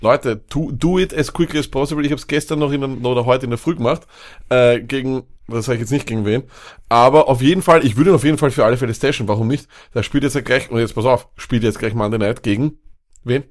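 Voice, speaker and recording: A man co-hosting a casual fantasy football podcast, emphatic and often repeating himself. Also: medium pitch. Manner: rapid, emphatic, repeats words. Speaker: podcast co-host.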